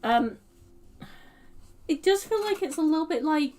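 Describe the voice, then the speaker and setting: A woman's voice: sits high, animated, measured pace, darkish tone, far from the mic, slight background noise. A woman giving a casual, rambling tarot reading on a live stream, with many fillers and hedging words. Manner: chatty, meandering, lots of fillers and "like". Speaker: tarot reader.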